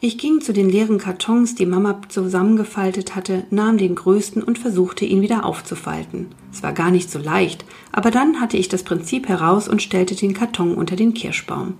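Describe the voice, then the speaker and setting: A woman narrating a children's story in the first person, calm and even. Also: medium pitch, normal speed, hardly any pauses. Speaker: audiobook reader.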